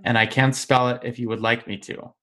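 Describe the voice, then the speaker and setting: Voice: mid-range voice, little pitch movement, brisk, sharp tone. A podcast host who talks playfully and teases the guest while announcing a quiz game. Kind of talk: casual interview hosting.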